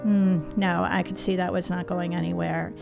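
Middle-aged woman telling her story slow and halting, bit of vocal fry, faint music under it. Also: lowish voice, level tone. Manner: reflective, halting, with restarts. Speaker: therapist, interview guest. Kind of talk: telling a personal story in an interview.

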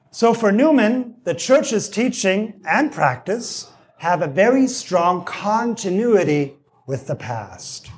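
A man with a high-pitched voice lectures to an evening audience on theology. His voice is going hoarse, and he keeps clearing his throat. He works through his points by restating key phrases and checking in with "see?". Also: a little mellow.

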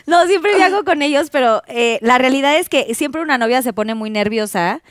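A woman's voice: a little high, normal speed, smooth, dry recording, clean studio sound. A woman with a Mexican Spanish accent hosting a casual chat, bubbly and full of questions, laughing often. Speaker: host.

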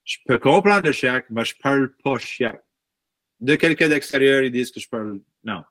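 A man's voice: mid-range voice, moderate pace, no room sound. A man in his thirties from Baie Sainte-Marie with an Acadian French accent, chatting as a musician guest and mixing English words into his French. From Baie Sainte-Marie, Nova Scotia. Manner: mixes English words into French, lively storytelling. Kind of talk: casual interview chat.

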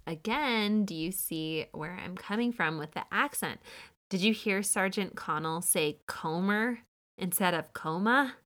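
A woman in her thirties talks through a recap in a loose, chatty way. She keeps throwing in sarcastic asides. Her voice sits a little low. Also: unhurried, a bit bright. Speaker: podcast host recapping a true-crime show. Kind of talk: casual commentary.

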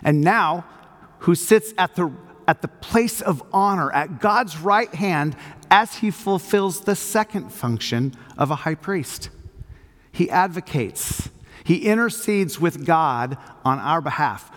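A man's voice: fairly high pitch, fairly bright tone, in a large hall. An older man preaching an earnest sermon in a church and leading a closing prayer, stressing his phrases with emphasis. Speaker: pastor. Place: church hall.

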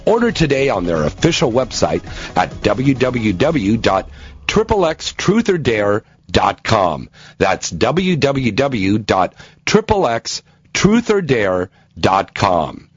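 A man reading a scripted ad in a salesy infomercial style, as an announcer pitching a product. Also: sing-song, breathy edge, dry recording. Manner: salesy pitch, spells out web address slowly. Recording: dull lo-fi audio with faint music bed.

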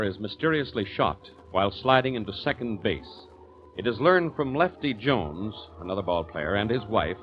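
A man as the announcer of an old radio drama, recapping the story in a measured, deliberate way, with an old radio broadcast sound. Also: on the low side. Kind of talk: 1940s radio drama narration. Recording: dull lo-fi old radio recording with music. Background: music.

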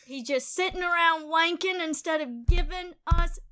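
A woman's voice: very high-pitched, normal speed, bright, forceful tone. A woman doing a surly British bandman. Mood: scornful. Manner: blunt, curt and scornful. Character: surly British male band member, scornful of everyone.

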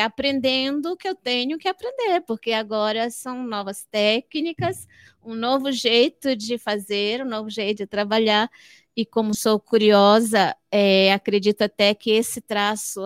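An older woman from Fortaleza, Ceará, in northeastern Brazil, speaks as a podcast guest who works as a psychologist. Her voice is slightly high and a bit slow, smooth and studio-clean with no echo. She answers interview questions explanatorily, repeating phrases for emphasis.

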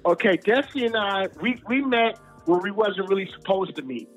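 Chatty male caller from Ohio, high pitch, light music bed. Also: animated, moderate pace. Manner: chatty anecdote teller. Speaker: caller, photographer. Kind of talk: casual phone chat.

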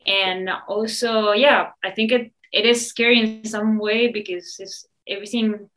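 A woman's voice: medium pitch, steady tone, measured pace, fairly bright tone, poor audio. Woman from argentina, talks with lots of ums, mid voice. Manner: hesitant, many ums and restarts. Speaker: winemaker guest. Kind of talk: interview answers.

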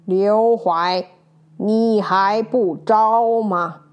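Woman doing a stern old-time judge, slow and commanding. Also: fairly low pitch, fairly even intonation, warm tone, lo-fi sound. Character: stern upright male ancient judge.

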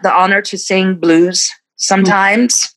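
A woman's voice: mid-range voice, steady tone, takes it slowly, low-quality recording. A woman in her fifties, a musician being interviewed, who talks in a reflective way and laughs often between thoughts. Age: 50s. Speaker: musician guest. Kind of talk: casual interview.

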